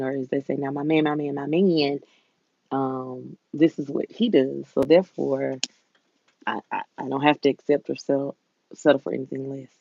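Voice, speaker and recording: Creaky-voiced Southern US woman with a drawl. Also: very deep voice, mellow, no echo, lo-fi sound. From southern United States. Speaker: livestream host. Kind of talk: casual chat with viewers.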